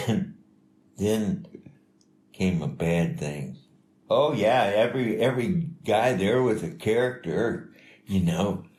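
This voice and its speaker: An older man telling life stories in a casual, rambling, halting way, as an interviewee. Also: lowish voice, animated, darkish tone. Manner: rambling, halting, chuckling delivery. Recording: echoey room with faint noise.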